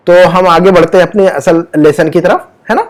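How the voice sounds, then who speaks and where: A man teaching an Arabic lesson to a student, patiently repeating words, drawing out sounds slowly and checking understanding. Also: sits high.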